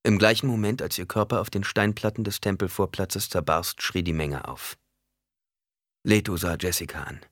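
Male narrator, deep but crisp voice, dry close sound. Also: moderate pace, fairly bright tone, no room sound. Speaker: audiobook narrator. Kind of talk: scripted narration.

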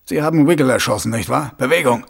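A man's voice: medium pitch, fast talker, vocal fry, husky. A man voicing a grim, hard-bitten male sergeant who gives short commands. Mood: gruff. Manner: curt, commanding.

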